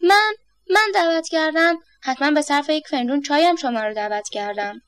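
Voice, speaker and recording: A woman's voice: high-pitched, no room sound, close to an everyday voice. A woman voicing a flustered middle-aged man who wants peace at home, sarcastic and exasperated. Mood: outraged.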